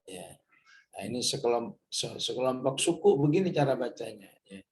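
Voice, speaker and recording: A middle-aged Indonesian man with a medium-pitched, lively voice leads a Quran study lesson. He explains patiently, checks in with "ya," and recites Arabic verses slowly.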